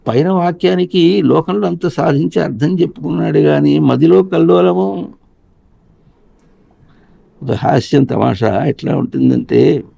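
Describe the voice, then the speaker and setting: A man teaches in a spiritual discourse, his voice deeply gravelly and dark in tone. He draws song lines out slowly in a chant and keeps asking his listeners rhetorical questions.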